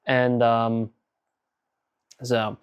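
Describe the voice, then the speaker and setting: A man's voice: medium pitch, monotone, drawn-out words, smooth, muffled recording. A man giving casual director's commentary on his own old video, rambling and self-critical with many fillers.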